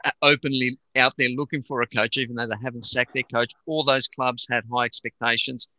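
An Australian-raised man talking football in a lively panel chat, emphatic and animated. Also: medium pitch, fairly quick, no echo, rough recording. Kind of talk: casual sports chat.

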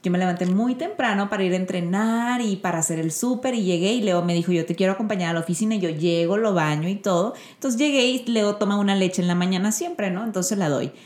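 A woman hosts a casual podcast chat with a voice of middling pitch. She tells stories with lively energy and acts out the people in them. The room around her sounds roomy and echoey. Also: a little fast, few pauses. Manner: lively storyteller who acts out quoted voices. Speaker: podcast host. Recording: roomy echo.

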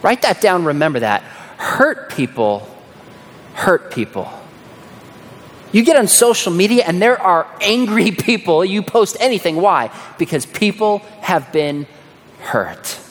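A man preaching a sermon in a big, echoing hall. His voice sits a little high and swings widely in pitch as he tells his stories, and he sinks to a hush on the words that matter. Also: expressive, moderate pace, slight background noise. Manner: dramatic storyteller, dropping to a hush on key words. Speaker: pastor. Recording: echoey hall.

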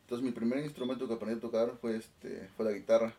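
A man in his twenties from Oaxaca with a Mexican Spanish accent, chatting relaxed and laughing in an interview about his music. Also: mid-range voice, fast talker, distant mic. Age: 20s. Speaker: guest musician, band director. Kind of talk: casual interview chat.

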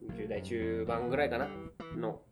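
A woman's voice: very deep voice, steady tone, moderate pace, loud music behind the voice. A woman hosting a radio talk show, explaining a script in casual, rambling chat. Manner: chatty, rambling asides.

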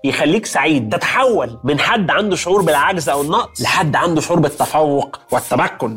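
A man's voice: sits high, fairly bright tone, breathy edge. A man with an Egyptian Arabic accent hosting a podcast, giving a playful, jokey science explainer and talking straight to the listener. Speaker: podcast host. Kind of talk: comedic scripted science explainer.

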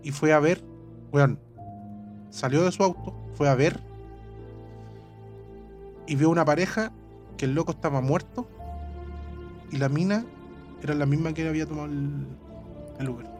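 A man's voice: a little high, moderate pace, long pauses, a little mellow, soft background music. A man with a Chilean accent telling a story in a casual chat, rambling and repeating his words. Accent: Chilean Spanish.

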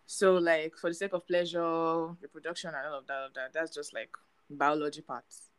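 A woman's voice: sits low, flat delivery, normal speed, clear, resonant tone, low-quality recording. A young woman co-hosting a casual podcast chat, talking in a chatty, storytelling way. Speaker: podcast co-host.

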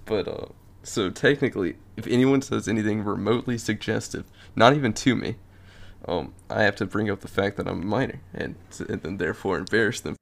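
A seventeen-year-old boy from North Carolina, chatting on a podcast in a laid-back, joking way. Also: brisk. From North Carolina, USA. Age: teens. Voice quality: deep, gravelly voice. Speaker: podcast guest. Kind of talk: casual chat.

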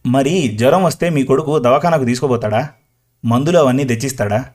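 A man's voice: medium pitch, brisk, a little mellow, natural voice. A man voicing a curious young woman asking eager questions in a storybook reading.

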